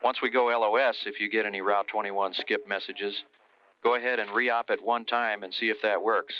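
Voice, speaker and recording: A low-voiced man speaks over a radio as a mission control communicator. His voice is smooth and clean, delivering procedural instructions through a slightly dull transmission. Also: steady tone, moderate pace. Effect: heard over a radio.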